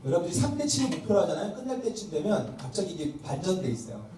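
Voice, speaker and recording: This pastor talks rapid-fire in a high, warm voice whose pitch swoops wildly as he runs a parenting workshop. He quizzes his audience and acts out exchanges between parents and children. The sound comes from a distant mic in a reverberant church welfare hall classroom, with faint noise.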